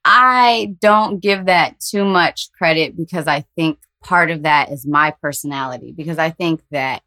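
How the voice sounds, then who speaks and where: A woman with a low, full voice talks in a relaxed podcast chat. She thinks out loud, reflective and chatty, and brightens up when she tells a story. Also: measured pace. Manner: reflective, chatty, animated when telling stories. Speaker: podcast co-host, homeschooling parent. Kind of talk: casual conversational chat.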